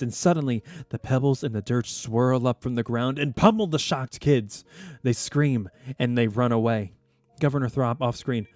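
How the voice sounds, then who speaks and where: A man reading a screenplay aloud, adding animated, chatty asides and commentary. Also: medium pitch, no room sound.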